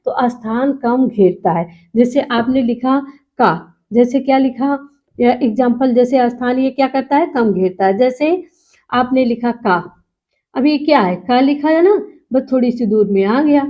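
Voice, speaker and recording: A woman with a high voice teaches as if to a class of children. She poses questions and answers them herself, and draws out the important words slowly. The recording sounds muffled and lo-fi. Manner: drags out key words for emphasis. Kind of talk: classroom-style lecture.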